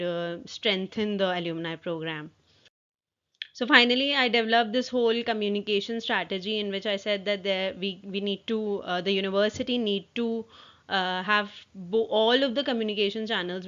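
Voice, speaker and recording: Woman presenter, mid-pitched, informal slide walkthrough, halting with restarts, muffled low-fidelity sound. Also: a bit bright. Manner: halting, with repeated false starts. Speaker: presenter walking through own work assignment. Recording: dull, lo-fi audio.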